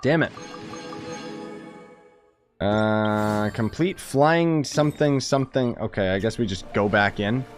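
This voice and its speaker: This gaming streamer has a fairly low voice and speaks slowly, pausing often, with faint music in the background. He chats with viewers and gives casual, slangy commentary on his game, exclaiming and chuckling while he plays.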